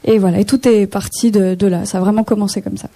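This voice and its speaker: A young woman from Picardy, a singer-songwriter chatting in a radio studio interview, answering in a chatty, hesitant way with many pauses. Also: medium pitch, steady tone, warm tone. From Picardy, France. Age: young adult.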